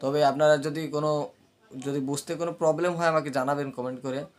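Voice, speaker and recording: Man teaching letter sounds, halting slightly. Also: fairly high pitch, little pitch movement. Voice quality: slight speech hesitancy, words catch. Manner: repeats letters aloud and checks understanding often. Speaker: teacher of Arabic letter pronunciation. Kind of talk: spoken lesson drilling letter sounds.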